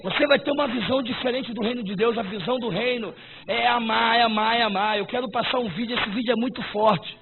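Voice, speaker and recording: High-voiced preacher, shouting fervently. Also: male voice, quick pace. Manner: fervent, often breaking into shouts. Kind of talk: sermon. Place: church service. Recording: tinny lo-fi recording with noise.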